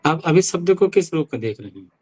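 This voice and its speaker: A man's voice: a little high, lively intonation, fast, darkish tone, poor audio. A man teaching an online class, questioning and correcting students with dry teasing. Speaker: Sanskrit teacher.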